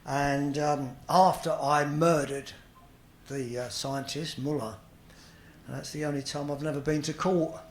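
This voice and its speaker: A man's voice: on the high side, steady tone, measured pace. Wry man, echoey convention hall. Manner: wry, dry joking storyteller. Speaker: convention guest actor. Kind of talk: humorous anecdote on stage. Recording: echoey hall, faint ambience.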